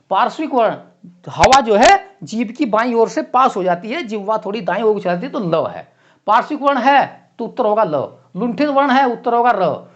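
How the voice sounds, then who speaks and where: A man teaching a grammar class, explaining slowly and repeating example words. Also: very high-pitched. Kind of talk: Hindi grammar lecture. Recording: dull lo-fi classroom recording.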